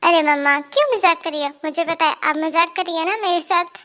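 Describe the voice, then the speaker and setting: A woman's voice: very high-pitched, fairly quick, a bit bright. A woman voicing a young male company boss who is bossy at work and whiny and babyish with his mother. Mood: pleading.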